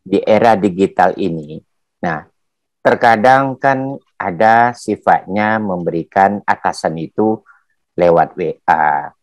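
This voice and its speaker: A man's voice: deep voice, takes it slowly, no room sound, highs cut off. A man taking part in an online seminar, asking a question in a formal, hesitant way with many fillers, over a video call.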